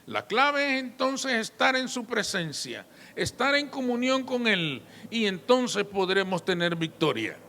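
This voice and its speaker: A man's voice: high voice, sing-song, a little slow, gravelly, few pauses, bright, forceful tone, long reverb tail. A man pastor preaching an emphatic sermon, often turning to address the congregation directly.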